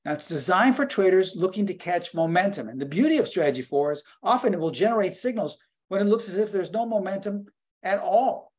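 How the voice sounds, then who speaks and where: A man's voice: high-pitched, lively intonation, brisk, darkish tone. A man in his sixties giving an online webinar presentation as a trading educator, talking conversationally and repeating phrases for emphasis. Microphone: computer microphone on a video call.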